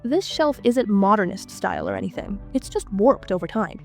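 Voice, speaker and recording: Gravelly and expressive, a mid-range female voice walks listeners through an abandoned house at a moderate pace. The urban explorer vlogger is congested from a cold, keeping her narration chatty and casual and often exclaiming in amazement, with faint music behind.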